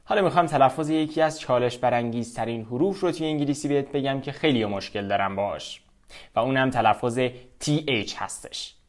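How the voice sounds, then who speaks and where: Man with a Persian accent explaining pronunciation. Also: mid-range voice. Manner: step-by-step explanation, repeats sounds. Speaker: pronunciation teacher.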